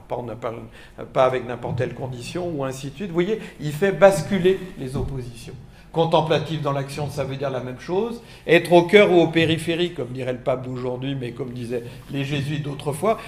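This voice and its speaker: A man who is a Jesuit priest giving a lively, playful conference talk to school staff. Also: a little high, a little hiss or hum. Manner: animated, playful, makes buzzing sound effects.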